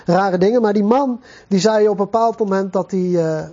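A man preaching a sermon to his congregation in a conversational way, with pauses and fillers, on a dull lo-fi recording. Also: high-pitched, dark tone.

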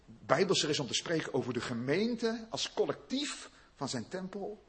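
A male preacher delivers a sermon, his husky voice swinging widely in pitch. He builds to loud, emphatic peaks, then falls back to low, quiet asides. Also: sing-song, normal speed.

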